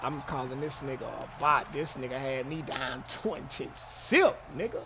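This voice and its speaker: Over the roar of the game's stadium crowd, a man streams a football video game in an animated, medium-pitched voice at normal speed. Rowdy and foul-mouthed, he trash-talks and yells taunts at his opponent as he plays.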